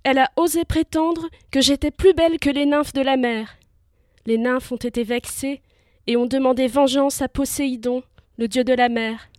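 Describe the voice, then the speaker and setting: A woman's voice: sits high, fairly even intonation, moderate pace, a little mellow, no room sound, clean studio sound, natural voice. A woman voicing a frightened young princess. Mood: sorrowful. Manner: sighing, then crying out in terror.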